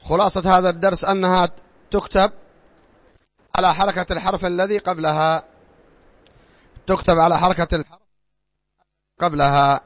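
A man's voice: high-pitched, steady tone, normal speed, pauses often, fairly bright tone. A man teaching a classroom grammar lesson, reading rules aloud, drilling examples and quizzing his pupils in a classroom. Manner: repetitive, drilling tone.

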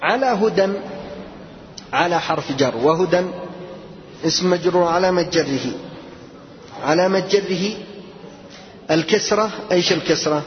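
Male teacher, high voice, quizzing students, repeating words slowly, muffled, reverberant classroom. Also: slight background noise. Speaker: Arabic grammar teacher. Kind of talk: classroom grammar lesson with questions to students.

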